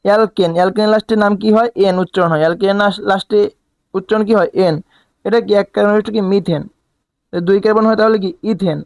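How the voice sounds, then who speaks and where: A man with a high voice teaches a chemistry lesson, asking his students questions and answering them himself. He counts aloud and talks in an easy, colloquial way. The sound is dry and close, with no room around it. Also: steady tone, fast talker, no room sound. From Bangladesh. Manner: colloquial, dialect forms. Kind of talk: recorded lecture at a board.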